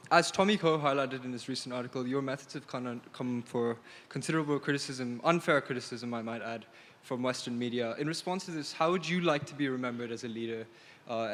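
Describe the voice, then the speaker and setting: A man's voice: medium pitch, fairly bright tone. A man asking a formal, courteous question from the audience. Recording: distant, reverberant hall.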